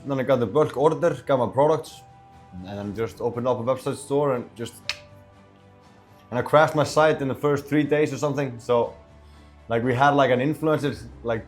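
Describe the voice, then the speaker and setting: A young man from Iceland who talks casually to the camera about starting businesses, rambling with lots of fillers and restarts. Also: mid-range voice. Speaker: entrepreneur sharing business advice. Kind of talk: casual talking-to-camera advice.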